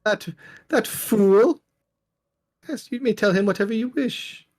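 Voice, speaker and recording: A man's voice: high voice, a little slow, a little mellow, pitched above the performer's own voice. A man voicing a haughty noblewoman who runs her manor, prim and dismissive in a raised voice. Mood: scornful.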